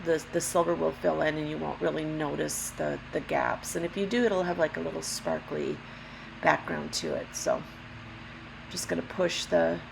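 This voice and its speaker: Gravelly, low-pitched woman giving a craft tutorial. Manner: unhurried, careful explaining with apologetic asides. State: allergy-affected voice, throat clearing. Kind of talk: casual step-by-step craft demonstration. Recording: steady background hum, lawnmower noise. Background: lawnmower and hum.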